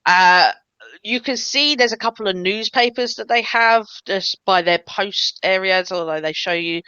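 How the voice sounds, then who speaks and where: A woman narrating as game master in a tabletop game, halting, with lots of fillers and laughter. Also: medium pitch, bright, forceful tone, clean tone, no echo, dull audio.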